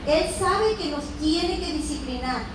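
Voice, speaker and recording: A woman's voice: sits high, lively intonation, measured pace. A woman teaching a Bible lesson with fervor, breaking into amens and calls to God. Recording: echoey room from far off with noise.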